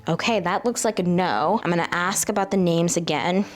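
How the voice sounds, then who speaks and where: A woman with a fairly low voice hosts a casual book vlog. She talks chattily and directly to her viewers, and she also speaks aloud to her crystal pendulum as she asks it questions. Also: moderate pace, faint music behind. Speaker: book vlogger.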